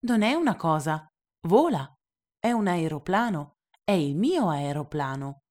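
A woman's voice: on the low side, big pitch swings, unhurried, darkish tone. Woman reading as a proud grown pilot. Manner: plain, matter-of-fact replies. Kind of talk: storybook reading.

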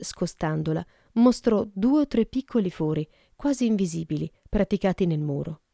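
Audiobook narrator, woman, low and mellow, dry and close. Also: no room sound. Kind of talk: scripted narration.

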